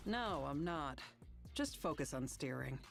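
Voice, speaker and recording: A woman's voice: sits low, animated, measured pace, gravelly, soft background music, heavily acted. A woman voicing a cold, blunt, weary fighter in a curt, dismissive manner. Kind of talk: video game voice acting.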